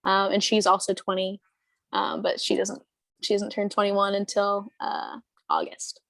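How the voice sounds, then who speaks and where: Young woman rambling thru an interview, lots of ums and restarts, gravelly fry, dry mic. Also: mid-range voice, sing-song, unhurried, fairly bright tone, no echo. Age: 20s. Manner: rambling, hesitant, many fillers and restarts, laughs often. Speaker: interview guest. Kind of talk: casual interview chat.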